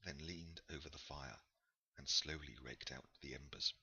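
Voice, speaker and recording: A man narrating a novel in a measured, unhurried storytelling manner. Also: rumbling low, fairly even intonation, pushed and bright, husky, lo-fi sound. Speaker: audiobook narrator. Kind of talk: scripted narration.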